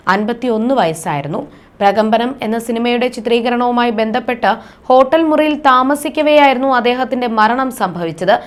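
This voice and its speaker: A woman presenting a scripted news report in a formal, even reading style. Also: sits high.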